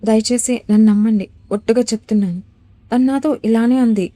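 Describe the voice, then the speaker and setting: A frightened young bride pleads in a trembling voice, as a woman voices her. Her tone is warm and mellow, heard up close with a dry sound and no room echo. It plays as an audio storybook drama. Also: on the high side, steady tone, fairly quick, close to an everyday voice. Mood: pleading.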